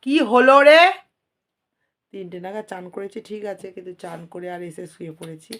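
Casting note: woman, hoarse home-vlog chatter, lowish flat voice, slight room noise. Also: quick pace. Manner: chatty, addresses viewers as friends. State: hoarse from a cold. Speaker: vlogger. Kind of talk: casual home vlog chat. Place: home kitchen.

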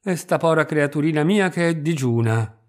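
Guy doing a poor roman mum, coaxing, begging, kinda high. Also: expressive, normal speed, close to an everyday voice. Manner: coaxing, pleading dialect speech. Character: poor young Roman mother, humble, wheedling.

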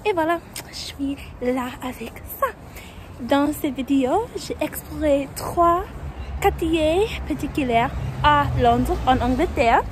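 A high-pitched American woman hosts a travel vlog out on the city streets. She speaks unhurried, halting learner's French, often stopping to correct herself. Loud street noise runs underneath her. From United States. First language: English. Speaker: travel vlogger.

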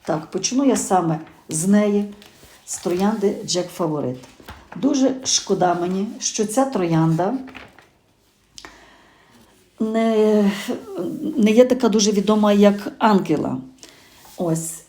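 A woman's voice: medium pitch, slow pace, pauses often, dark tone. A middle-aged woman from Ukraine, hosting a gardening channel and chatting casually with hesitations and self-corrections. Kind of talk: casual spoken garden review.

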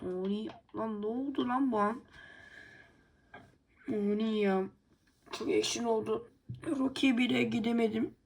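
A woman's voice: a little high, fairly even intonation, slow, creaky, pauses often, a little mellow. A woman hosting a casual let's play video, talking in a blunt, slangy and teasing way. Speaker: gaming video host.

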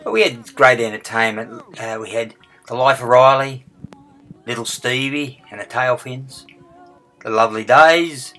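Man proclaiming like a town crier, forceful. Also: medium pitch, poor audio. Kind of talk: festival announcement to camera. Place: outdoors at a festival by a stage.

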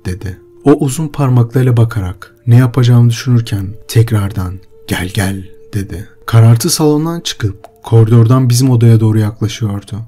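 A man narrating a horror story in a steady, measured way. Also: mid-range voice. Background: faint music.

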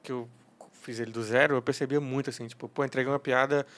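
A male comedian from Brazil chatting on a podcast, telling stories in a relaxed, slangy way. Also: mid-range voice, fast. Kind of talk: casual podcast chat.

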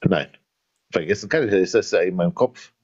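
A man's voice: low-pitched, fairly quick, a little mellow, dry recording, highs cut off. A man debating religion in a heated online voice chat, insistent and arguing with examples. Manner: argues with courtroom examples, insistent.

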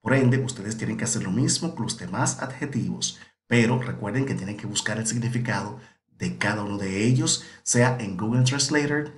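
Man, english teacher, low voice, repeats words slowly and clearly, echoey room. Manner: says each word twice, slowly and clearly. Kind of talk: bilingual pronunciation lesson.

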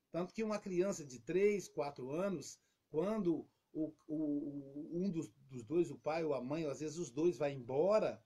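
A man speaking as an interview guest, telling a lively story and acting out quotes in casual explanatory talk. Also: on the high side, slightly rough.

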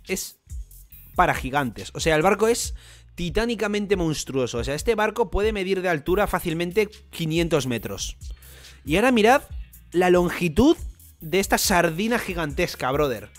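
A young Spanish-accented man talks in a fairly high voice. He reacts live as a streamer, slangy and excitable, packing his talk with fillers. Faint music plays beneath him. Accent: Spain Spanish.

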